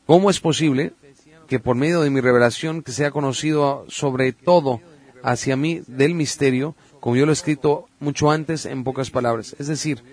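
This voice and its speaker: A man, talking earnestly on a podcast, telling stories with many filler sounds. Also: medium pitch. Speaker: podcast guest speaker on religion and UFOs. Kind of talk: casual podcast talk.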